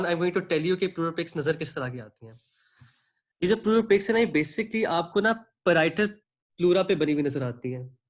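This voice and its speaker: Man lecturing medical students. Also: sits high. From Pakistan. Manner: explanatory, checks in often with "theek hai", asks students for questions; clears his throat now and then. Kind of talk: online lecture mixing Hindi-Urdu and English.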